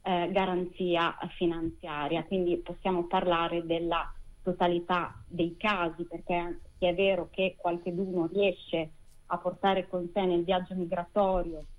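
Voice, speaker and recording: A woman lawyer, a guest on a radio interview, talking over a tinny phone line in measured, precise legal phrasing. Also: lowish voice, little pitch movement. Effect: speaking over a phone line.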